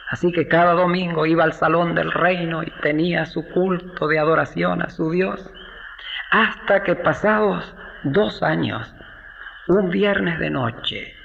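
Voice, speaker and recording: Gravelly high-voiced male preacher. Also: a bit bright. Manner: slows down for emphasis, acts out quoted voices. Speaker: pastor. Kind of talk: sermon storytelling. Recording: dull lo-fi sound with faint noise.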